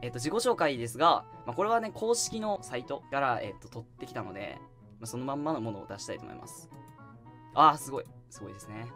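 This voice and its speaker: A man talking very fast and self-deprecatingly through his debut stream, with music audible behind him. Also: medium pitch, animated.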